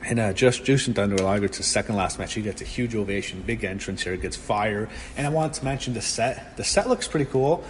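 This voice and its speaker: A man giving a casual solo review of a wrestling show, rambling and excitable, swearing when annoyed. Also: on the low side, fairly quick, few pauses. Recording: long room reverb with faint background noise.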